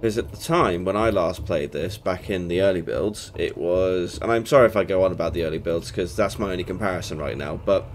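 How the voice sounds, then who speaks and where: This young British gaming host talks in a low-pitched voice, fairly quickly and with few pauses, during a casual let's play in his indoor home setup. A cold leaves him a bit congested, and he's chatty, rambling and prone to self-correction. Slight background noise and game music play under his voice.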